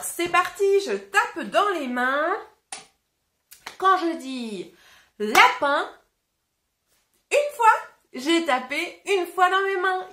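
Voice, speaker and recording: A woman teacher giving an interactive read-aloud lesson, playful and exaggerated, sounding out words slowly for children. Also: extremely high pitch, bright, forceful tone. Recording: roomy echo.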